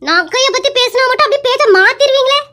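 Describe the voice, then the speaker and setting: A woman's voice: very high voice, expressive, quick pace, bright, forceful tone. A woman performing a nagging, sarcastic wife in a comedy sketch. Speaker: comic sketch actor playing a wife.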